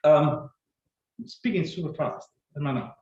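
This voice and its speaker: A man giving a fast, halting scientific conference talk, full of fillers and restarts. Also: fairly high pitch, darkish tone. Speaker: conference speaker. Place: conference room or lecture hall. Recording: echoey, dull conference recording.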